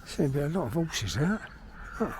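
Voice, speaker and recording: A middle-aged London vlogger and filmmaker rambles bluntly to himself on a walk in a park, swearing in a casual monologue. His voice is a little high with big pitch swings at normal speed, and the outdoor recording picks up birdsong and ambient background noise.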